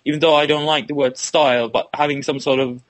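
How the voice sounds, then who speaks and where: Being interviewed, this twentysomething Finnish illustration student talks quickly in a steady voice on the high side. As a non-native speaker with a Finnish accent, he falters often, restarting, repeating himself, and filling gaps with "kinda like".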